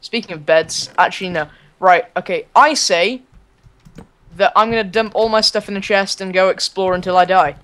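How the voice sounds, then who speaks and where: A man's voice: high voice, normal speed, fairly bright tone. A young man making casual, playful conversation as a co-op partner in a video game. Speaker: co-op gaming partner. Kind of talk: casual game chat commentary.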